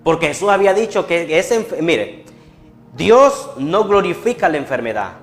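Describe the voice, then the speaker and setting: A man's voice: on the high side, sing-song, normal speed, faint music behind. A man preaching a sermon, often repeating a refrain and restarting words with stammers.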